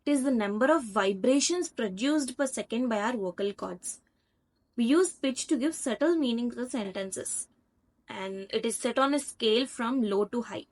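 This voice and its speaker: A woman's voice: a little high, lively intonation, normal speed, a little mellow. A woman with an Indian English accent, teaching a lecture patiently, step by step with examples. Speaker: online tutor. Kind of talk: explanatory lecture over slides.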